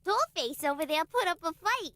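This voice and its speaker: A woman's voice: very high voice, animated, moderate pace, bright, forceful tone, exaggerated voice. A woman voicing a sassy, tough girl in a game, with an old-time American gangster accent. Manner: brassy, sassy.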